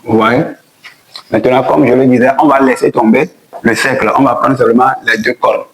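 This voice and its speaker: A man teaching a spoken language lesson, patiently repeating each point and sounding out letters slowly. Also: mid-range voice, steady tone, a little hiss or hum, low-quality recording.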